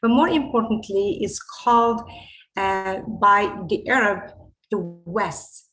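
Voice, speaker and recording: A middle-aged woman from Morocco, giving an earnest lecture over a video call, with halting phrasing and frequent restarts. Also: medium pitch, a bit bright, rough recording. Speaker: invited lecturer, scientist. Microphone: video call webcam mic.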